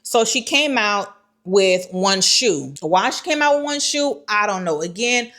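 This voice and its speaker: A woman vlogger telling a personal story in lively, repetitive, slangy casual speech. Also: medium pitch, unhurried. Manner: colloquial, slangy. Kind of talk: storytime vlog.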